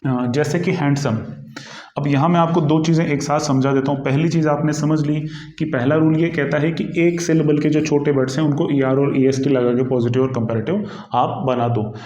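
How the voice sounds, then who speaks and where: A male English teacher with an Indian accent giving an exam-prep grammar lesson, explaining slowly, repeating himself and pausing often. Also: a little high, steady tone, darkish tone, muffled recording. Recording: echoey room.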